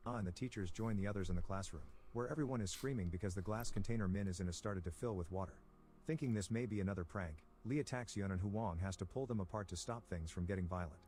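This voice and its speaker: Fast-talking man narrating a plot recap. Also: sits low. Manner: brisk, even, steady storytelling.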